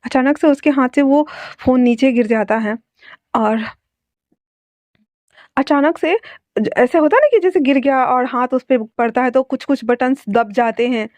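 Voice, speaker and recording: A woman's voice: sits high, unhurried, a little mellow, no echo. A woman casually narrating a fan fiction story, chatty with asides and restarts. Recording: dull lo-fi dry recording.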